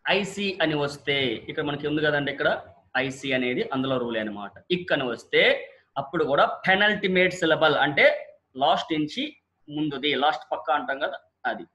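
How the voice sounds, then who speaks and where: A man's voice: fairly high pitch, brisk, bright, forceful tone. A male teacher explaining English word stress in Telugu, repeating each example word twice with careful syllable stress. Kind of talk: exam-prep lesson on word stress.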